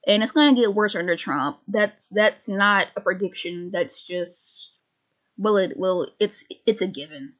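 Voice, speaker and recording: A woman's voice: mid-range voice, a little slow, a bit bright. A woman of twenty-five ranting casually to camera, rambling and sardonic, with many restarts and stammers. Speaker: vlogger.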